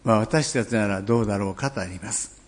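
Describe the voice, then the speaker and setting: Man preaching a slow, measured sermon. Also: fairly low pitch. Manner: measured, reflective, slows down on key phrases; clears throat now and then. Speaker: pastor.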